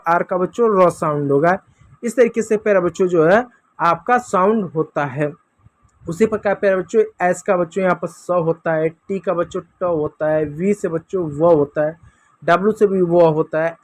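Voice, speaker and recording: A man's voice: high voice, no echo. A man teaches young children. He repeats each step patiently and calls the kids again and again. The recording is dry and close, with no room sound. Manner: patient, repetitive drilling, often addresses the kids as "बच्चों". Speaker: English teacher. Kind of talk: classroom lesson for children.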